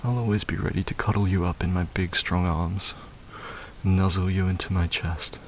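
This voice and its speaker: A man speaking softly in a comforting audio roleplay, soothing and murmuring, with frequent sighs and hums. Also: low voice, steady tone, normal speed, slight background noise.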